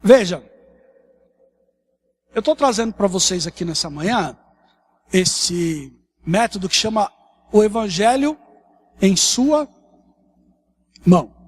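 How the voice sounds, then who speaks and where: A man's voice: high-pitched, takes it slowly, pauses often. A man from Brazil with a São Paulo accent, a pastor preaching a morning sermon in a chatty way, often tacking questions onto his sentences. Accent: São Paulo Portuguese. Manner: conversational preaching, many tag questions, lively shifts. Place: church hall.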